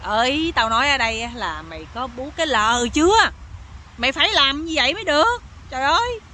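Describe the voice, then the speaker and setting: A woman's voice: sits high, big pitch swings, fairly quick, sharp tone, full character voice. A woman voicing a nosy, bossy older village man who scolds and exclaims, with a Southern Vietnamese accent. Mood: scolding.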